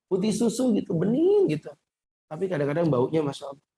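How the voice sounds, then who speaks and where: A man's voice: sits high, big pitch swings, a little fast, dark tone, breathy edge. A middle-aged man delivering a humorous Ramadan sermon in a mosque, addressing listeners directly and quoting Arabic scripture. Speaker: preacher.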